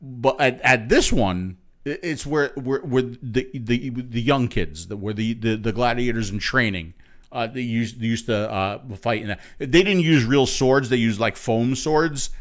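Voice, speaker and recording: A man's voice: mid-range voice, measured pace. Stammering, joking man. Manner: rambling, stammering joker. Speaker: co-host. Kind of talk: casual chat.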